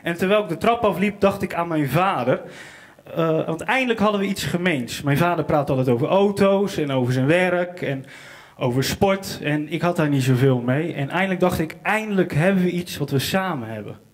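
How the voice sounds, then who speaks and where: A man's voice: on the high side, expressive, normal speed. A young man on a small theater stage at an open mic night, telling a wry, self-mocking anecdote into a stage microphone. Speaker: comedian and singer-songwriter. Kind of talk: live stand-up storytelling.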